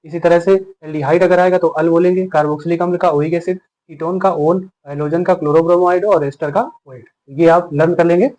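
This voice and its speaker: Man teaching with his own quick questions. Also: on the high side, steady tone, darkish tone, poor audio. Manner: patient, asks and answers his own questions. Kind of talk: classroom chemistry lesson.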